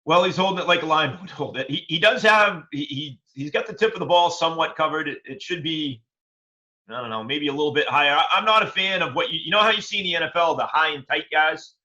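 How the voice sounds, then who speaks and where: A man co-hosting a casual chat show, his bright, sharp voice sitting a touch high. He rambles with stammered restarts, and the sound is dull and lo-fi. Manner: rambling, halting with repeated restarts. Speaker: co-host.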